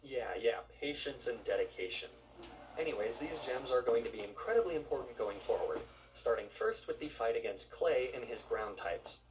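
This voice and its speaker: A man's voice: medium pitch, animated, moderate pace, roomy sound, distant mic, heavy background noise. A man narrating gameplay from a script as a video host, with wry, joking asides.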